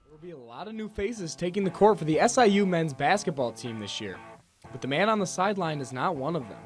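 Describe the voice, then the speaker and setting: A man anchoring and reporting on a sports magazine show in an even, anchor-style read. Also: fairly high pitch, fast talker, soft background music. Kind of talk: scripted news presenting.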